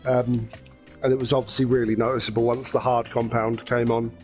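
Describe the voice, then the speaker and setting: A man with an ordinary mid-pitched voice walks through his race in a casual chat. He pauses on fillers as he explains, with faint music in the background. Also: level tone, a little mellow. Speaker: sim racing league driver.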